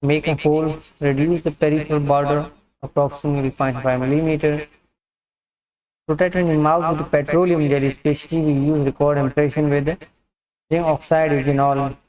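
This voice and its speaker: Male instructor, methodical teaching narration, slightly high pitch, distant mic in a roomy space. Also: little pitch movement, fairly quick, darkish tone. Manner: methodical step-by-step explaining. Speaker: dental instructor.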